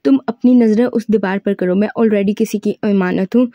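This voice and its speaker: A woman voicing a feisty young businesswoman who snaps back in sharp, argumentative retorts. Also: medium pitch, normal speed, no echo, lo-fi sound, natural voice.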